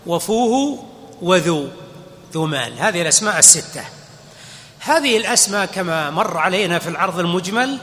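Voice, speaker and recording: A man's voice: sits high, a bit bright. A man teaching grammar as a sheikh, explaining step by step and quizzing his listeners. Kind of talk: classroom explanation. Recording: long hall reverb.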